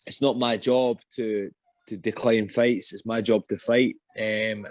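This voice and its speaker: A man's voice: fairly low pitch, no room sound. A young Scottish man, an MMA fighter, answering interview questions casually and hesitantly, with many ums and restarts. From Scotland.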